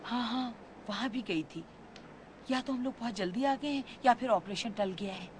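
A woman playing an anxious young woman searching for someone in secret, talking in a hushed, urgent way in a dubbed drama. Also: a little high, moderate pace, slight background noise, lightly acted. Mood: worried.

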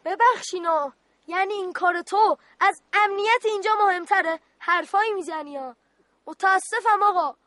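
Actress as a bossy kid guard in a radio play; very high, sharp-edged, dry studio read. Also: female voice, no room sound. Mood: stern. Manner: stern, officious, scolding. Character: bossy young boy sentry playing war.

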